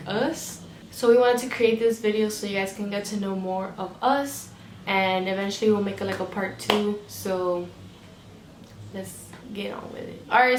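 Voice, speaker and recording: A woman of twenty from Miami, chatting casually with viewers as a vlogger, filling her talk with "like". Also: medium pitch. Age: 20s. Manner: chatty, uses "like" a lot. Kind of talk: casual chat to camera. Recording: echoey room with background noise.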